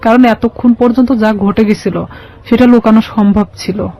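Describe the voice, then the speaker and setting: A woman with a Bangladeshi accent and a slightly high, mellow voice tells her life story at normal speed, with fairly even intonation. Interviewed as a guest, she speaks colloquially and quotes conversations along the way. The sound is lo-fi.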